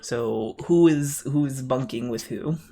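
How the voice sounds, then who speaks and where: A man acting as game master of a tabletop game, easygoing and quick to laugh. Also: mid-range voice, mellow, faint music behind. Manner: unhurried, easygoing, laughs often.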